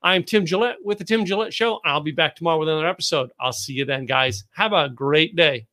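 A man's voice: fairly high pitch, fast, sharp tone. A man hosting a podcast interview, chatting casually and rambling through stories with restarts and chuckles. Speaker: podcast host. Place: Dallas area.

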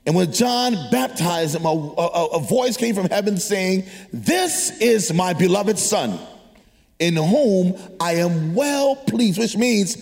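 Preaching to a live congregation in a large hall, a man gives an energetic sermon that is conversational and exhorting, often prompting his listeners with questions. His high-pitched voice is expressive, creaky and darkish in tone, and he takes it slowly, with long hall reverb on the recording.

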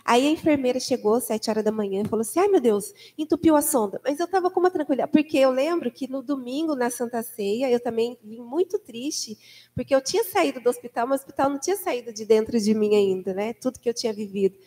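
A young woman tells a church testimony in a high, mellow voice. She acts out the voices of others as she tells it. Long reverb hangs behind her, as in a large hall. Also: quick pace. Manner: animated storytelling, acting out the voices of others. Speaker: mother giving a church testimony. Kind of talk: personal testimony in conversation.

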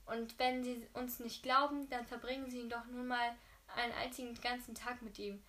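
A woman's voice: on the high side, little pitch movement, moderate pace, pushed and bright. A woman voicing a stern, outspoken housekeeper who stands her ground firmly. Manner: firm, outspoken. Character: stern, unflinching older housekeeper.

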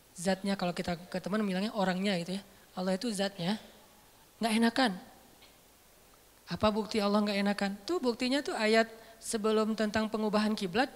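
Seorang ustadz pria menyampaikan ceramah agama dengan santai, hidup, dan penuh canda. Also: male voice, very high voice. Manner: animated, joking, conversational. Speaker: Islamic preacher. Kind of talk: casual religious talk. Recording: roomy hall with long reverb.

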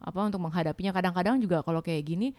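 A woman's voice: fairly low pitch, very fast, darkish tone. A woman hosting a casual podcast chat, reflective and hesitant, with frequent fillers.

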